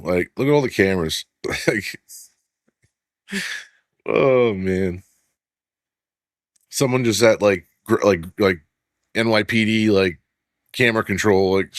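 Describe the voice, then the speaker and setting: A man's voice: on the low side, no room sound, studio quality. A man hosting a casual sports podcast, swearing freely and leaning on fillers while he reads off stats. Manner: loose and profane, heavy on filler "like", reads stats aloud. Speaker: podcast host.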